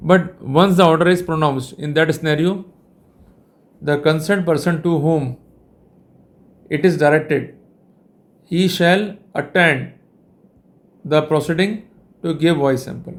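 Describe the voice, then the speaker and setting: An Indian-accented man gives a formal law lecture in a rather high voice, moving step by step with careful deliberation. He keeps returning to the same linking phrases.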